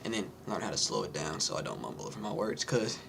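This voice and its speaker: A man's voice: low voice, sing-song, fast talker, creaky, a bit bright, slight background noise. A young man rehearsing a vlog script aloud at home. He is slightly out of breath, thinks aloud and restarts his lines. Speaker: content creator.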